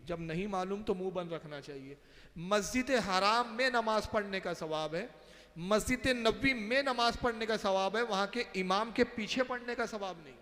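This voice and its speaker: A man's voice: sits high, a bit bright, big-room sound. A man who is an Islamic scholar, giving an emphatic religious lecture and answering questions from listeners. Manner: emphatic, rising to stressed points and answering audience questions.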